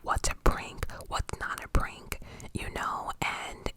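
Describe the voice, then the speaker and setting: A woman whispers breathily, right up against a cupped mic, in an ASMR commentary style. Her delivery is informal and opinionated, with emphatic repeats and blunt swearing, all without full voice. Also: slow. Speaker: ASMR creator. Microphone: close-up cupped USB condenser microphone.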